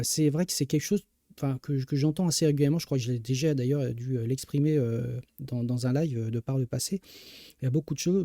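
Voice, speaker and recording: Male live-stream host, deep-toned and dry, relaxed hesitant delivery with lots of fillers. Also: dry recording. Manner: hesitant, heavy filler sounds, restarts; reads and greets viewer chat. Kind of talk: casual tech news chat.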